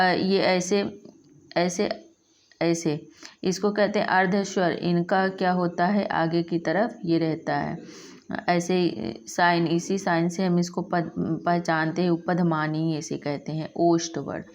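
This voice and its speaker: A woman teaching a Sanskrit lesson in speech, slowly spelling out sounds one by one and repeating them. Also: fairly low pitch, lo-fi sound. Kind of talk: classroom lesson.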